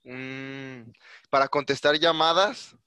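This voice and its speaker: A man's voice: mid-range voice, steady tone, a little slow, pushed and bright, smooth, dry recording. A man from Mexico with a Mexican accent, co-hosting a casual podcast, slangy and saying bro a lot. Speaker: podcast co-host. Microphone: remote call.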